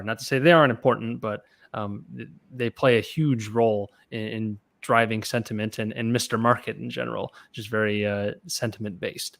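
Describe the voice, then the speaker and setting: A man co-hosting a casual investing podcast, talking loosely with quick restarts and easy laughs. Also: on the low side, creaky, fairly bright tone, no echo. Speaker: podcast co-host reading chat questions.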